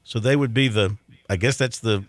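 A man hosting a sports talk radio show, reading off team rankings in a chatty way with many pauses and fillers. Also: on the low side, no room sound. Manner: chatty, reads off stats with many ums and uhs.

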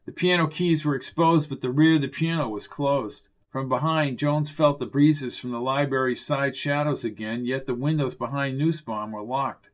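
A man narrating a mystery audiobook in an even, measured reading voice. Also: medium pitch.

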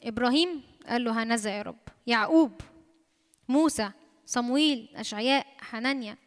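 A woman with an Egyptian Arabic accent preaches quickly in a high voice. She repeats her points for emphasis and quotes scripture. Her voice rings with the long reverb of a church hall. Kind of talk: sermon.

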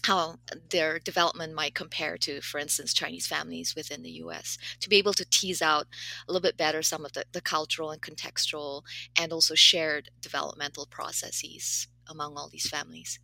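A woman with a low, bright, crisp voice speaks as a guest in a casual interview. She is a professor from Malaysia and Canada who talks thoughtfully, pausing often on fillers. The sound is dry and close. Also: little pitch movement, no room sound, rough recording. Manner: thoughtful, hesitant, many fillers.

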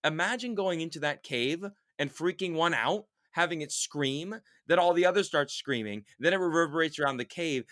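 A man's voice: a little high, normal speed, hardly any pauses, a bit bright, no room sound. Enthusiastic rambling man, dry sound. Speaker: podcast co-host. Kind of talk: casual chat about monster game creatures.

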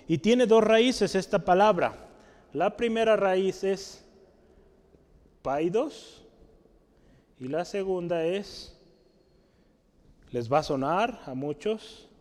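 A man teaching a Bible study, explaining word roots slowly and quizzing the congregation with tag questions. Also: high-pitched, animated, a little mellow. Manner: asks the audience questions often, tag questions like "¿sale?". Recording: long hall reverb.

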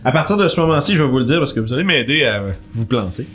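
A man's voice: mid-range voice, expressive, quick pace, a bit bright. A man with a Québécois accent running a tabletop game, narrating with frequent laughs and restarts. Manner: chatty, laughs often, stumbles and restarts while narrating. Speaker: game master.

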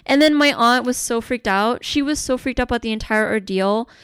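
A woman telling a story in casual chat, animated and full of "like", with casual swearing. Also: fairly high pitch, fairly quick, clear, resonant tone, no echo.

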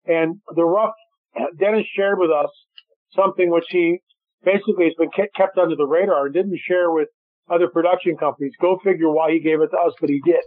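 Animated man on a phone line. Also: a little high, fairly quick, no echo. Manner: animated storyteller, acts out quotes. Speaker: guest filmmaker. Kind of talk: radio interview. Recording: dry tinny phone line.

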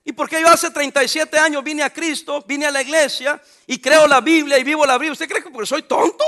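High bright voice, preacher guy, fired-up sermon, keeps asking the brothers questions. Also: steady tone, a little fast. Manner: fervent, addresses listeners as brothers with questions.

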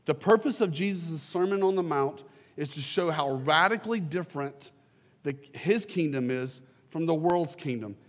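A man's voice: on the high side, moderate pace, big-room sound. A man, a pastor preaching into a pulpit microphone in a church sanctuary, praying and then building to fervent, emphatic declarations. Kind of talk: prayer and sermon.

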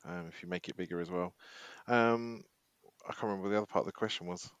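Man, podcast co-host, very deep voice, casual rambling chat, dry close sound. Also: steady tone, clear, resonant tone, no room sound. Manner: rambling, chatty, halting.

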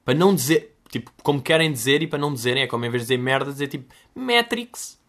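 A young man in his twenties with a European Portuguese accent hosts a casual storytelling podcast. He talks in loose street slang and keeps it animated, often jumping into high-pitched voices to quote people. His voice sits at an ordinary middle pitch. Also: rapid-fire. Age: 20s. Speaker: podcast host.

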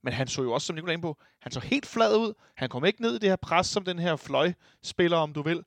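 A Danish man hosting a casual football podcast, agreeable and wry with quick asides. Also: fairly high pitch, expressive, no echo, clean studio sound.

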